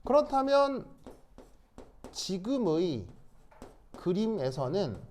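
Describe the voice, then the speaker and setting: A male chemistry teacher lecturing to a class with a high, lively voice that swoops up and down. He talks casually and keeps asking his students whether they follow, now and then slipping in English words. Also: takes it slowly, slight background noise. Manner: checks understanding with repeated questions.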